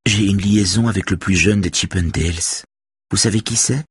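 A man's voice: sits low, moderate pace, slightly rough, dry recording, clean studio sound, exaggerated voice. A man voicing a flamboyant, vain woman in her fifties who talks in a theatrical, gossipy way.

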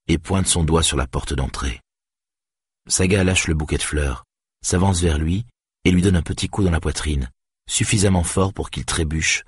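Deep, husky male audiobook narrator. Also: dry recording, clean studio sound. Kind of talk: scripted narration.

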